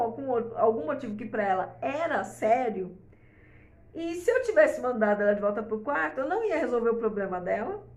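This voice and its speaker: A middle-aged woman and mother giving parenting advice in a casual, rambling talk to camera, full of fillers and tag questions, often pushing her voice up high for emphasis. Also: reverberant, lo-fi sound.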